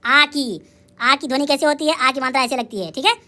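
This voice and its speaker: High bright-voiced woman teaching children. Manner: asks and answers her own questions; drawn-out sounding of syllables. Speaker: primary school teacher. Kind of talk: lively recorded lesson for young children.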